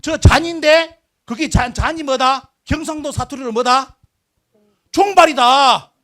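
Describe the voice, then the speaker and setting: Male history lecturer, high voice, emphatic, fires rhetorical questions and answers them himself. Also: moderate pace, fairly bright tone. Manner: emphatic, drawing out key words. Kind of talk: live lecture to an audience.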